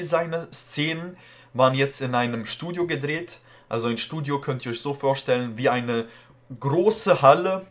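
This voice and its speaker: A man's voice: medium pitch, a bit bright. A man with a rolled R, giving casual, slangy reaction commentary on a song as a music reaction host. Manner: loose slangy talk, often says "Freunde".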